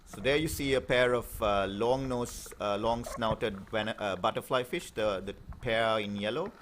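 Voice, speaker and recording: A man's voice: fairly low pitch, unhurried, a bit bright, slight background noise. A man from Sri Lanka, commenting on underwater footage of a live stream in an explanatory way, with many fillers and restarts. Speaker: marine life commentator.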